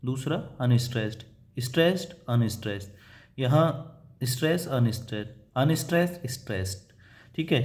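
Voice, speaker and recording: A man delivers a patient, classroom-style lecture. He explains each point step by step, pausing on fillers. He switches between Hindi and English teaching terms. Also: fairly high pitch, darkish tone. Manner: reads quoted English lines slowly and deliberately. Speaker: assistant professor teaching English poetry.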